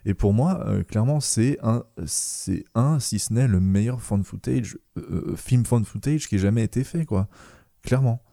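Man, low warm mellow voice, halting film-review co-host who gropes for words. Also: vocal fry. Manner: hesitant, many fillers and trailing quoi. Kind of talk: casual film review chat.

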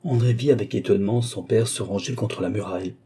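A man reading a classic novel aloud in a measured, storytelling manner. His voice sits low, with a dark, mellow color and a husky grain. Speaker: audiobook narrator. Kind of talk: scripted narration of a classic novel.

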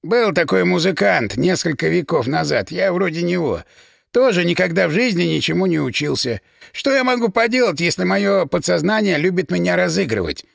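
A man's voice: high voice, animated, moderate pace, gravelly, no echo, clean studio sound, full character voice. A man voicing a lazy, boozy male inventor with an ironic, weary manner.

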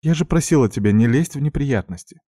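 A man's voice: mid-range voice, animated, fast, warm tone, no echo, studio quality, pitched above the performer's own voice, lightly acted. A man voicing a worried young woman scolding her younger brother in a pleading, upset way.

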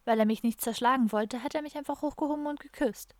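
Lively hippie woman around fifty, teasing, read by a woman; dry studio audiobook. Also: high voice, quick pace, no room sound, voice pushed up, lightly acted.

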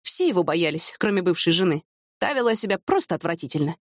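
A woman narrating an audiobook in an even, measured reading. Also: on the low side, dry recording, studio quality. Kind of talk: scripted narration.

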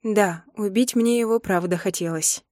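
A woman reading a novel aloud in first person, expressive and dramatic. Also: mid-range voice, normal speed, no echo, studio quality. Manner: expressive, acts out emotional dialogue. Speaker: audiobook narrator. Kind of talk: first-person audiobook narration.

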